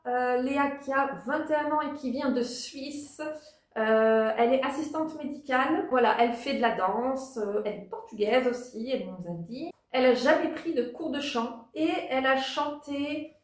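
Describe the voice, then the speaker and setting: A woman with a fairly high voice chats casually through her review, full of pauses, fillers and restarts. Her voice carries a noticeable echo from the room. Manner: hesitant, many fillers and restarts. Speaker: vlogger reviewing a TV talent show. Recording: echoey room.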